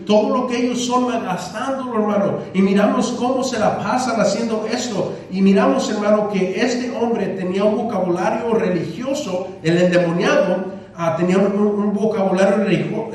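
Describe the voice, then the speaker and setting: In a church sanctuary, a pastor with a high-pitched, somewhat mellow voice delivers a sermon full of emphatic repetition, calling his listeners brothers. The mic sits at a distance, so the hall sounds echoey.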